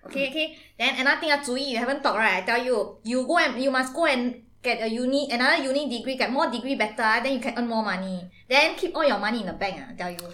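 A bossy, know-it-all Singaporean auntie, played by a woman, rattling off advice at a rapid clip. Her voice sits a touch high, and she lectures insistently in clipped Singlish phrasing. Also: bright, forceful tone. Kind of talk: comedy sketch.

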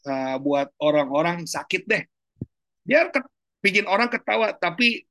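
A man, a pastor, giving a casual teaching talk on a video call, colloquial and animated, jumping up in pitch for emphasis. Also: no echo. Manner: animated, colloquial, jumps high in pitch for emphasis and laughs often. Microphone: online video call.

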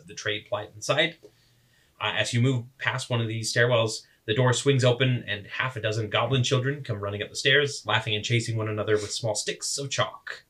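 A man's voice: medium pitch, fairly bright tone. A young man narrating as game master, describing scenes in a rambling way with fillers and self-corrections.

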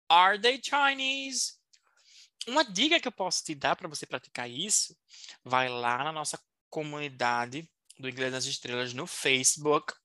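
A woman teaches an online English lesson, playful and teasing but encouraging. Her voice is bright and forceful, sitting slightly low, and she slows down to model phrases clearly. The recording is close and dry, with no room sound. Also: no echo.

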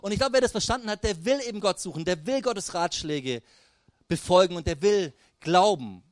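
High-voiced, lively German preacher. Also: male voice, moderate pace, no room sound, studio quality. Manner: lively, addresses the audience directly with "hey" and "wisst ihr". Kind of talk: sermon.

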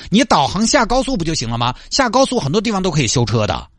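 A man playing an exasperated highway traffic cop who keeps scolding a stranded driver with incredulous questions in a comedy skit. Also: huge pitch swings, quick pace, no echo, clean studio sound.

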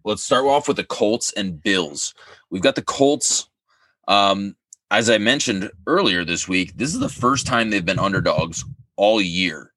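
Deep-voiced man, casual sports co-host. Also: lively intonation, bright, forceful tone, no room sound. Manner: easygoing, halting, with frequent fillers.

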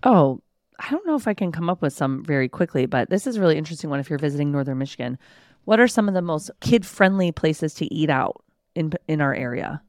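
A woman's voice: sits low, fast, dry recording, clean studio sound. A woman in her thirties co-hosting a home podcast in casual chat, playful and teasing. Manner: playful teasing, animated imitations. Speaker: podcast co-host. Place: home basement studio.

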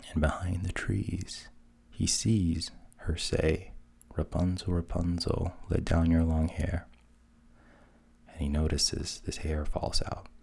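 A man narrates old fairy tales in a hushed, often half-whispered delivery, slipping in dry, deadpan asides. His voice sits extremely low and is heavily gravelly. It also carries a husky edge. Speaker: storyteller.

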